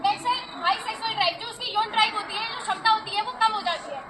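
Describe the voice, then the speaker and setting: A woman's voice: extremely high pitch, racing. A young woman with an Indian accent presenting as a nursing student in an educational street play, projecting her voice. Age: young adult. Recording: distant, echoey, very noisy crowd.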